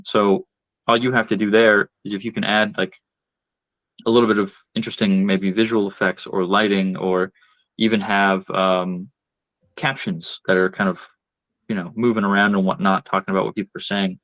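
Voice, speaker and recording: A man's voice: fairly low pitch, little pitch movement, moderate pace, a bit bright, dry recording, low-quality recording. A man guest on a podcast, explaining ideas step by step in casual talk with frequent fillers and asides. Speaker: podcast guest, marketing strategist. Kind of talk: casual advice-giving conversation.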